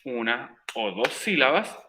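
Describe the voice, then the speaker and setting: A man's voice: medium pitch, very animated, measured pace, pushed and bright, slight background noise. A man teaching an English class, patiently repeating the rules step by step. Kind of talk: recorded virtual class explanation.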